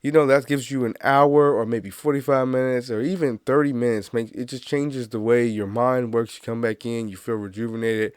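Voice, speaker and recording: Here a congested podcast host talks on his own in a loose, casual monologue, swearing freely, chuckling at his own jokes and wandering off topic. His mid-range, darkish voice keeps a steady tone at normal speed with few pauses. The recording is clean, dry and close, without echo.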